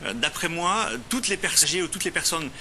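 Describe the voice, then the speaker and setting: A man's voice: high voice, big pitch swings, normal speed, pushed and bright, a little hiss or hum. A man from Lyon, France, founder of a robotics company, answering TV interview questions in an explanatory way, with frequent hesitations and restarts.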